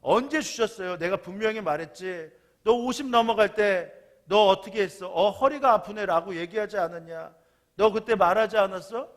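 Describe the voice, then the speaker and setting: A gruff, scolding God from a sermon anecdote, as a preacher puts him on. He hectors and lectures in a fairly high male voice, everyday rather than theatrical. The telling is part of a church sermon. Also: normal speed, lightly acted.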